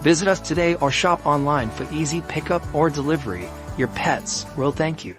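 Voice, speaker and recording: A man reading a scripted radio advertisement in an upbeat, smooth way. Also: on the high side, moderate pace, over music. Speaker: ad announcer.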